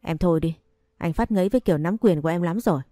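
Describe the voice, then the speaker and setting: A woman's voice: on the low side, fast, dark tone, dry recording, studio quality, close to an everyday voice. A woman reading the lines of a weary young husband who is fed up with his wife, in an audio story.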